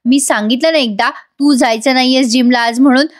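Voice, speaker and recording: A woman's voice: high voice, steady tone, brisk, close to an everyday voice. A woman playing a headstrong, teasing young wife. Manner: teasing, insistent.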